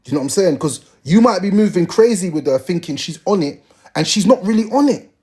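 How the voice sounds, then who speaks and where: Husky, animated man lecturing viewers. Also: high voice, a little fast. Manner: blunt, slangy, preachy, lectures the viewers. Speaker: live streamer. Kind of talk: casual advice on a livestream.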